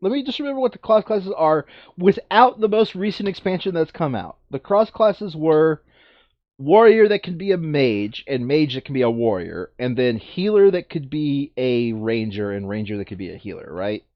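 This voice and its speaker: Sorting game cards, a board game video host chats casually, thinking aloud and correcting himself as he goes. His voice is a little high and animated at a moderate pace, in a dry recording with the highs cut off.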